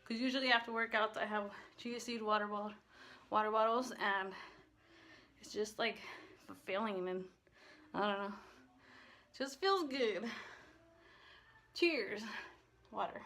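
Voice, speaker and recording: A woman's voice: medium pitch, a little slow, long pauses, fairly bright tone. A woman fitness vlogger talking casually in a rambling, slangy way, breathless from exercise. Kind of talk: casual chatty workout vlog.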